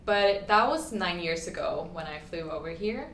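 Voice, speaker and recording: A Swedish woman in her twenties, a guest in a casual interview, tells her story with a voice on the low side, lively intonation, normal speed, and a fairly bright tone. She's chatty, full of "like" and restarts, and often acts out what people said. The room is echoey, with faint ambient noise.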